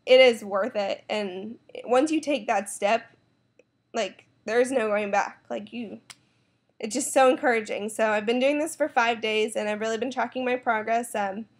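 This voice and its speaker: A young woman chatting casually to camera in a vlog, bubbly and rambling, full of "like" and "um". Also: a little high. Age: young adult. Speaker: vlogger. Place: Florida.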